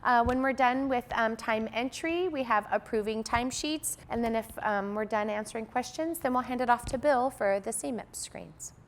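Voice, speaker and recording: Training presenter, female, American accent, slightly high voice, informal explanatory delivery. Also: normal speed, hardly any pauses, slight background noise. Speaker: presenter of a provider training session.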